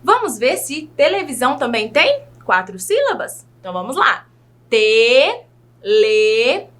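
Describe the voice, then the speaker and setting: A woman teacher with a Brazilian Portuguese accent, giving a patient children's video lesson and sounding out words slowly, syllable by syllable. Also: high-pitched, wildly swooping pitch, bright, forceful tone. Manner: slow, careful syllable-by-syllable enunciation; patient, addresses young pupils directly.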